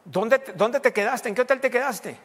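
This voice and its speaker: A shrill, blunt older Spanish matriarch, as a preacher puts her on, her voice jumping far above his own and getting louder. She demands answers with no patience. Long reverb of a church hall trails behind. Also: normal speed. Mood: insistent. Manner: shrill, insistent questioning.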